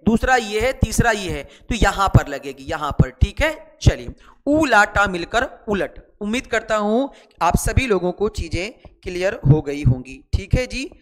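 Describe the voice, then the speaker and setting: A man's voice: high voice, sing-song, measured pace, long reverb tail, soft background music. A man teaching shorthand in a chatty online lesson, repeating words and asking and answering his own students' questions. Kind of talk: online lesson, explaining while writing.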